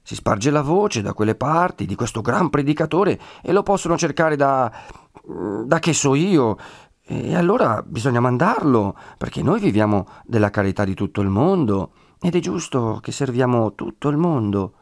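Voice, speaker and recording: A man's voice: mid-range voice, sing-song, moderate pace, no echo, clean studio sound, voice pushed up. A man playing Fra Galdino, a chatty friar. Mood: chatty, explaining. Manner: talkative, lecturing, reassuring.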